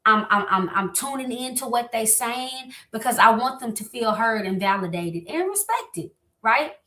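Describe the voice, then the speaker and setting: A woman hosting a motivational talk on relationships, lively and animated, speaking straight to her listeners. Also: fairly high pitch, moderate pace. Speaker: host. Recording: echoey room.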